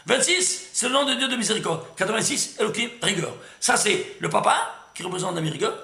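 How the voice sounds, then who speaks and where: In an echoey room, a man teaches a Torah lesson in a high, bright voice with a gravelly edge. He speaks fairly quickly in a lively, emphatic rush, stumbling over restarts. He often stops to ask "C'est clair?" to check the class is following.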